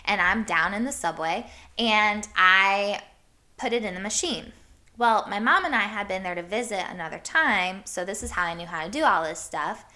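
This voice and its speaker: Hyper iowa woman telling stories on her podcast, bright voice, swears a lot. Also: medium pitch, normal speed. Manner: hyper and animated, swears casually. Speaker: podcast host. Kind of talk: casual storytelling monologue.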